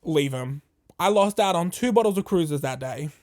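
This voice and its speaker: A podcast host, telling a story casually in a profane, animated and jokey way. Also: medium pitch, normal speed.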